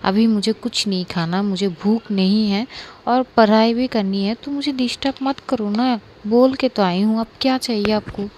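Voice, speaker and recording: A woman's voice: mid-range voice, normal speed, a little mellow, a little hiss or hum, natural voice. A woman voicing a sulky young woman student who answers her mother and friends in an irritated, snappish way.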